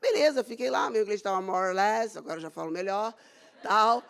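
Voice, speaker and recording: A middle-aged woman with a Brazilian Portuguese accent tells her own story from a stage. Her pitch swoops widely as she acts out the dialogue, and her voice has a gravelly fry. She talks with open, faith-filled zeal. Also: expressive, a little fast. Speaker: dermatologist giving a talk. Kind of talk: personal testimony talk on stage.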